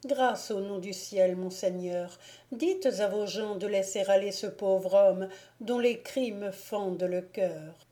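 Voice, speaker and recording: A woman's voice: mid-range voice, slow pace, dark tone, natural voice. A woman voicing a sweet, humble teenage peasant girl who speaks beseechingly, in a storybook reading. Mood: pleading.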